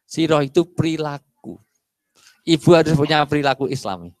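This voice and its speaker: Man, middle-aged, lively sermon, playful, dry sound. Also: on the high side, normal speed, no room sound. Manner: animated, acts out dialogues and jokes with the audience. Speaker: preacher. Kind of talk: lively sermon to a mosque congregation.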